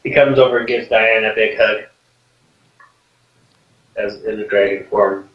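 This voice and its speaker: A man's voice: lowish voice, steady tone, a little slow. A man narrating as game master in a tabletop game, casual and laughing often, jumping into character voices. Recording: lo-fi echoey mic from a distance.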